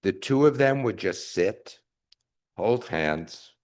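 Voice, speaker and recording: A man's voice: lowish voice, animated, darkish tone. A man in his sixties giving an emotional, wry eulogy for his mother at a funeral service. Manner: emotional, wry, measured delivery. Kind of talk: memorial eulogy.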